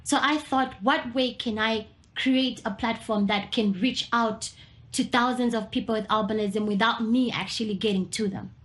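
A woman's voice: fairly high pitch, steady tone, moderate pace, a bit bright, roomy sound. A young woman speaking candidly and earnestly, telling her own story in a conversational way. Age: young adult. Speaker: interviewee. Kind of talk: personal testimony.

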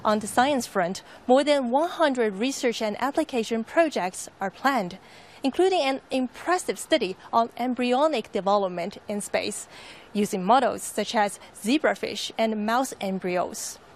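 A woman reporter narrating a scripted science news piece in a crisp, informative way. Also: on the high side, expressive, a little slow.

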